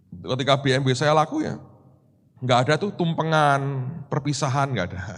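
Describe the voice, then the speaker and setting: A man preaching a sermon as a pastor, telling stories with lively acted-out dialogue and chuckles. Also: mid-range voice. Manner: animated storytelling, acts out dialogue, chuckles. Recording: long church hall reverb.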